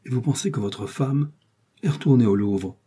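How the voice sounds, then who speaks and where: A man reading aloud and voicing a cold, commanding male stranger in a cloak, with sharp questions. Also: medium pitch, normal speed, slightly rough, close to an everyday voice. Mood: probing.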